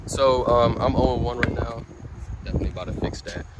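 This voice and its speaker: A man's voice: mid-range voice, quick pace. Offhand man chatting through heavy outdoor noise. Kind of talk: casual chat. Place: outdoor basketball court. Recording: very noisy outdoor camera audio.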